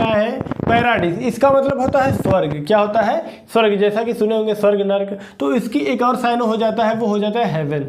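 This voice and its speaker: A teacher runs a recorded vocabulary lesson for students preparing for exams. The delivery is patient and plain, with a steady "okay" between points. Each word is put back to the class as a question and then answered. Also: mid-range voice, poor audio. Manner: drills each word by asking "what is it?" and answering itself.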